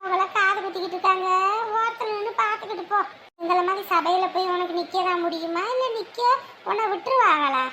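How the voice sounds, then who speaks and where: A woman playing a shrill, taunting grandmother. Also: fairly quick, pushed and bright, slight background noise. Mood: mocking. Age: older. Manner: taunting, sarcastic. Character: sharp-tongued gossiping village grandmother. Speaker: mocking older relative. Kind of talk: village family drama acting.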